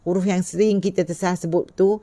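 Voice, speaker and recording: A woman teaching Quran recitation, slowly repeating letter sounds and asking her listeners rhetorical questions. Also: fairly low pitch, fairly even intonation, dark tone, no room sound. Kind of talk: tajwid lesson.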